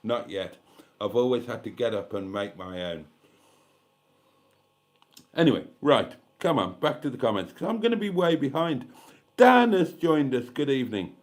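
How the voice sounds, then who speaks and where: Male streamer, 50s, mid-pitched, frank and foul-mouthed, drifts off on tangents while reading comments. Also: big pitch swings, normal speed, pauses often. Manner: blunt, candid and sweary, rambling asides. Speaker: livestream host. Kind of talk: casual live-stream chat reading comments.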